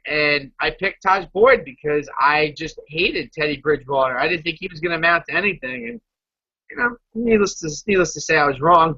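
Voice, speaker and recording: Bright-sounding guy cohosting a fantasy football show, jokey, steering the segments, muffled audio. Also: fairly high pitch, husky. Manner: opinionated, jokey, runs the segments. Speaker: fantasy football podcast co-host. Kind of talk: casual chat. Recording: dull lo-fi audio.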